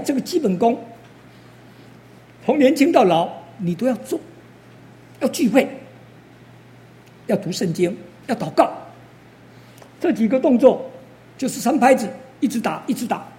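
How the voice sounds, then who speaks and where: An older preacher tells stories from the pulpit in a mellow, dark-toned voice. The talk is full of interjections and acted-out quotes, in the style of a testimony sermon. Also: medium pitch.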